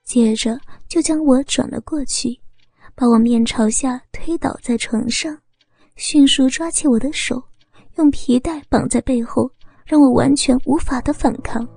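A woman narrating a first-person story in a soft, breathy manner. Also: sits high, measured pace, dry recording, studio quality.

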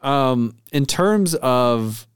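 A man's voice: medium pitch, expressive, extremely slow, smooth, no room sound, clean studio sound. A man co-hosting a film review podcast in casual chat. He is chatty and laughs easily. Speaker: podcast co-host.

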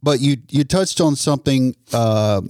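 Measured, reflective male podcast host. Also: mid-range voice, lively intonation, a little mellow, no echo, clean studio sound. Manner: measured, reflective, affirming listener. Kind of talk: interview podcast.

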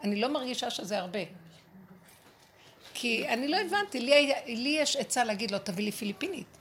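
A woman's voice: a little high, animated, a bit bright, slight background noise. A woman giving a spiritual lesson to a group, talking emphatically and acting out prayers and dialogue. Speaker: spiritual teacher.

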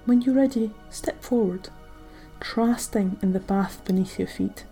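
A woman narrating a guided meditation in the manner of a sleep story, gentle, soothing and unhurried, with soft breathy phrase endings. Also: medium pitch. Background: music.

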